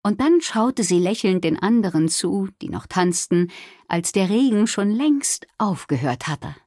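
Expressive woman reading a children's story. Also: medium pitch, measured pace, no echo, clean studio sound. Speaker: audiobook reader.

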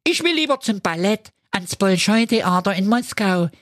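A man's voice: sits high, lively intonation, moderate pace, fairly bright tone, dry recording, studio quality, voice pushed up. A man voicing a stubborn male pig in a comedic radio play, whiny and nagging.

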